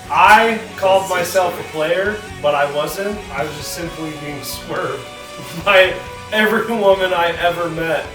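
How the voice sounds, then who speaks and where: A man's voice: high-pitched, measured pace. A twenty-year-old man, a band's guitarist, telling stories loosely in a casual documentary interview, full of "like". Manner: loose storyteller, heavy use of "like". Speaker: guitarist in a band. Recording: echoey room, distant mic, music underneath.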